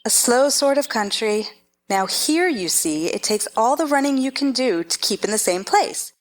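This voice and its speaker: Lady acting as snooty bossy storybook queen, highish voice that swoops all over, snapping orders like she owns the place. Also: lively intonation, normal speed, natural voice. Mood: brisk, condescending. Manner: imperious, clipped commands, scolding. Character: haughty, bossy Red Queen, imperious chess-piece monarch. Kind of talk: theatrical dramatized reading.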